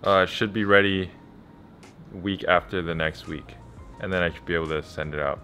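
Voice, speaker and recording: A man's voice: low-pitched, fairly even intonation, normal speed, music in the background. A young man talking casually to camera as a vlogger. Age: young adult. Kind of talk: casual vlog chat.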